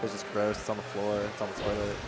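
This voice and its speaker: A man giving casual, slangy colour commentary on an esports match, excitable and prone to exclamations. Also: on the low side, fast. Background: loud music.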